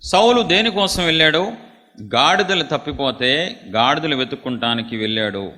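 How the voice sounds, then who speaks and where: A male pastor preaches with a bright, forceful voice. He swings from hushed, low lines to loud, high outbursts. Long reverb trails behind him in a large meeting hall. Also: expressive, normal speed. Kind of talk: sermon.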